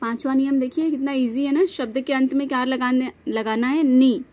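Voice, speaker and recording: A young woman teaching a grammar lesson from notes, repeating each rule and example slowly. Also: high-pitched, steady tone, mellow.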